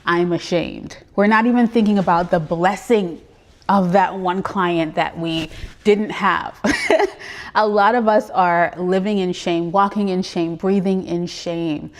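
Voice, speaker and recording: Speaking slowly in a lowish voice, a Trinidadian woman whose accent blends in Brooklyn and Texas delivers an earnest, chatty motivational talk. She's a business coach on a live stream, greeting viewers along the way.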